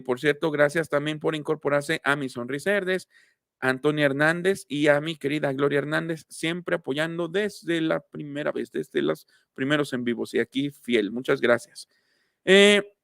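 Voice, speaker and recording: A man's voice: fairly high pitch, a bit bright, dry recording, studio quality. A man giving a casual live-streamed phonetics lesson, chatting and greeting viewers as he explains. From Mexico. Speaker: linguistics teacher.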